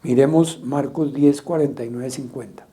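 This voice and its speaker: A man preaching a sermon as pastor, asking repeated rhetorical questions and loudly acting out quoted cries. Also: medium pitch, steady tone, moderate pace. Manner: rhetorical questions, dramatic quoting of shouts.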